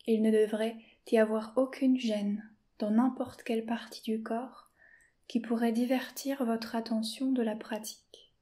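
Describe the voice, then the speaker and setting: In this guided meditation, a woman takes listeners through yoga nidra at an unhurried pace. Her voice stays dark, mellow, and flat in pitch, frequently softening to a whisper, with calm delivery and long silences.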